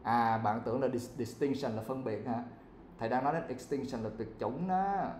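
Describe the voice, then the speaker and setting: A man's voice: mid-range voice, normal speed, darkish tone. Roomy-sounding male teacher quizzing students. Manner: quizzing students, switching between English and Vietnamese. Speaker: English teacher. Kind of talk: live classroom lesson. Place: classroom. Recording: echoey room with faint background noise.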